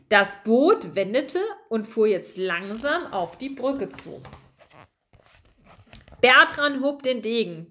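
Higher-pitched woman reading a children's story. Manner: expressive, lively reading. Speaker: narrator.

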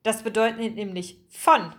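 A woman's voice: fairly high pitch, fairly even intonation, a little slow, fairly bright tone. A woman voicing a male hamster who explains things in a matter-of-fact way.

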